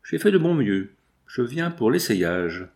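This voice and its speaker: A man voicing a gentle, earnest young seamstress in an audiobook, speaking in a lively voice close to his own. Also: mid-range voice, a little slow.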